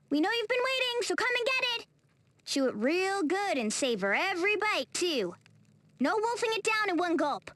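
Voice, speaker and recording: A woman's voice: very high-pitched, fairly bright tone, dry recording, heavily acted. A woman voicing a strong-willed young heroine in a video game, plain-spoken and commanding but caring.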